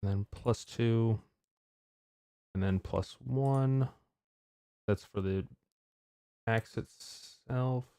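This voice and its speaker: A man playing in an online tabletop game, adding up rolls and teasing the others with quick, joking questions. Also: mid-range voice, warm tone, smooth, no room sound, studio quality. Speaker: player.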